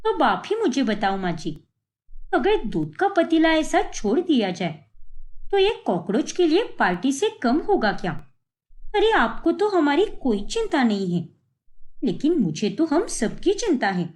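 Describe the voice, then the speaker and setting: A woman voicing a tidy, sharp-tongued young daughter-in-law in a cartoon story, speaking in a lecturing manner. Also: high voice, big pitch swings, measured pace. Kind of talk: cartoon voice acting.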